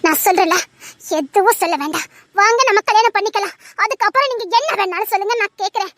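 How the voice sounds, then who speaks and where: A woman's voice: very high voice, fast, fairly bright tone, no echo. A woman voicing a desperate young woman who tearfully and insistently begs her lover to marry her, in an audio drama. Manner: pleading, tearful, insistent repetition.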